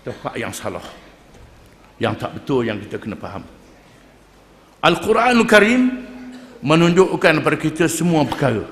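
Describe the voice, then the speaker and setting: Preaching older man, bright hall echo. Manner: emphatic, rising to stress points and dropping to low asides; chants Arabic verses slowly. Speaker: Islamic religious teacher. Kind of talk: Quran commentary lecture. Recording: long reverberant hall.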